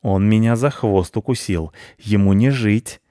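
A big, predatory tomcat, read by a man, speaks in a slow, calm, menacing tone. The voice stays close to a man's normal pitch. A dry, close storybook recording. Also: no room sound, natural voice.

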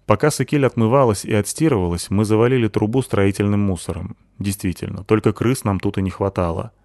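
A man with a deep, low voice narrates an audiobook in a wry, conversational way. The recording is dry and close, with no room around the voice. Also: fairly even intonation, fairly quick, mellow, dry recording. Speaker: audiobook reader.

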